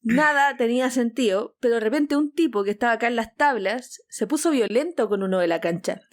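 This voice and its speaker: A Chilean woman in her young adult years, chatting on a podcast. Her voice sits fairly high, and she performs the story, jumping into the voices of the people she quotes. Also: brisk. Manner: animated, acts out quotes with big shifts in voice. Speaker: podcast co-host. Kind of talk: casual chat, storytelling.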